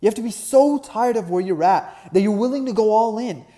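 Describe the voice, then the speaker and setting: A man's voice: high-pitched, brisk, mellow. A young man from Nepal, an online fitness business coach, giving a motivational talk and tagging nearly every sentence with "right?". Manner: earnest, repeats "right?" constantly, builds to emphatic peaks.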